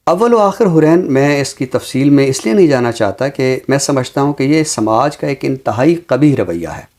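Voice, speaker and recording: A man speaking in a measured, deliberate and earnest way, explaining his views as a talk show commentator with a literary vocabulary. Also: medium pitch, animated, darkish tone.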